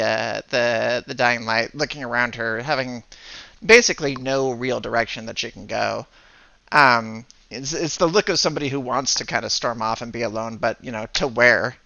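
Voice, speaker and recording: A man runs a tabletop game, stopping and restarting with lots of fillers. His voice is gravelly yet bright. The recording is dry and a bit dull. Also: mid-range voice, no room sound. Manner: halting, many fillers. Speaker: game master.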